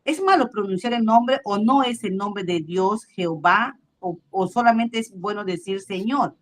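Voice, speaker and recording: A woman's voice: medium pitch, measured pace. A woman from the congregation with a Peruvian Spanish accent, politely asking her pastor questions, hesitant and adding "¿no?" often. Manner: hesitant, polite, with many "¿no?" tags. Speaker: church member asking questions.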